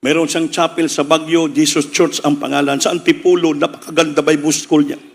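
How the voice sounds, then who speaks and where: A man's voice: a little high, little pitch movement, a little fast, vocal fry, in a large hall. A man with a Filipino accent preaching a midweek sermon, telling a story and acting out the people in it. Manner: storytelling, shifting into dramatic quoted voices. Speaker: pastor preaching.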